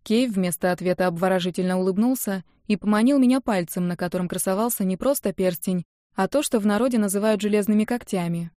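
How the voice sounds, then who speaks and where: A woman narrating an audiobook in the first person, lively and expressive. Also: medium pitch, quick pace, no echo, studio quality. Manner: lively, indignant when quoting herself.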